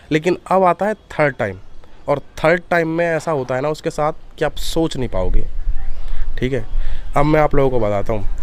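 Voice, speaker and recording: Casual man telling ghost stories. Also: on the high side. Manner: conversational, addresses listeners as "bhai". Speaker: horror story YouTuber. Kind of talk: casual storytelling to viewers.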